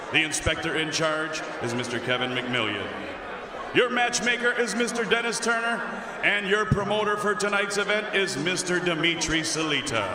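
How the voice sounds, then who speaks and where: High-voiced American man, showy boxing ring announcer. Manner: showy, projecting to the crowd. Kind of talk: formal ring announcing with drawn-out introductions. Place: boxing arena, center of the ring. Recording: echoey arena PA with loud crowd noise.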